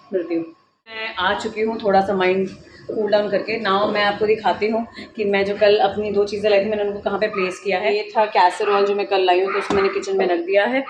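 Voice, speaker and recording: A mother vlogs indoors at home, talking to camera in an emphatic, lecturing tone and scolding her child now and then. Her voice has a medium pitch, and the background is noisy.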